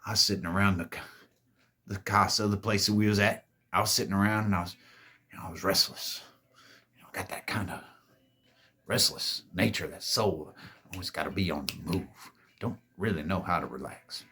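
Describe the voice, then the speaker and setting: A man's voice: low voice, fairly bright tone, slightly rough. A man hosting his own show, telling a story in a rambling, boastful, profane way and calling his viewers "babies". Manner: laid-back, rambling delivery with self-corrections. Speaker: host. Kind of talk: storytime monologue.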